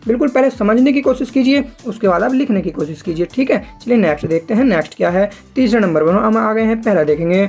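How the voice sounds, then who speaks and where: A man's voice: sits high, creaky. A man teaching shorthand step by step in a patient, repetitive way, often turning to the viewers as friends. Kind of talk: step-by-step tutorial explanation.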